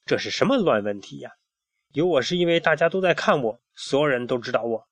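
A man's voice: medium pitch, expressive, brisk, dry recording. A man voicing a grumpy, self-important talking television.

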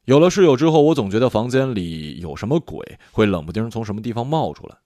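Calm male storyteller, lively pitch. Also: fast, no echo, clean studio sound. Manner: calm, reflective, drifting. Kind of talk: first-person story narration.

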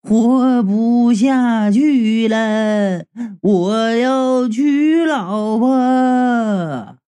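A man voicing a whiny male ghost who wails his complaints in a slow, drawn-out cry. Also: very high-pitched, warm tone, clear, resonant tone, exaggerated voice. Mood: wailing. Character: whiny wailing male ghost, wants everything.

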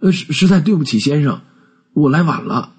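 A man doing a timid, stammering husky clerk. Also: on the high side, animated, brisk, darkish tone, voice pushed up. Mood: pleading. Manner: pleading, stammering. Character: timid, apologetic male office clerk.

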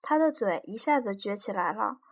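A woman reading an audiobook in a lively, wry storytelling manner. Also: medium pitch, normal speed. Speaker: audiobook reader. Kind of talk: scripted audiobook narration.

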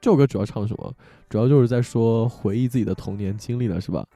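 A man's voice: mid-range voice, fast talker, no room sound, soft background music. A young man hosting an audio show, telling funny stories in casual chat and laughing often. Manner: animated storyteller who laughs often. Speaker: show host.

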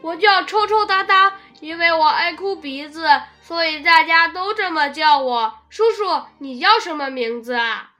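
A woman's voice: very high voice, unhurried, hardly any pauses, bright, forceful tone, soft background music, pitched above the performer's own voice, heavily acted. A woman voicing a timid, tearful baby spinosaurus boy in a picture-book read-aloud, childlike and pleading. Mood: sad, curious.

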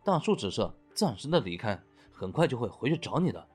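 A man voicing a kind young man who gently looks after a little girl, speaking softly and indulgently, with faint music underneath. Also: on the low side, sing-song, measured pace. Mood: gentle coaxing. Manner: soft, coaxing, indulgent.

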